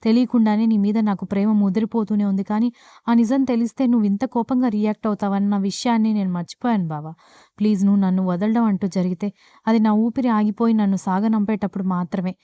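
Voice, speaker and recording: A woman's voice: medium pitch, fairly even intonation, fast talker, dark tone, dry recording, lo-fi sound, natural voice. A woman voicing an anxious young bride who pleads with her husband, in a storybook reading. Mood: pleading. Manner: pleading, tearful appeals.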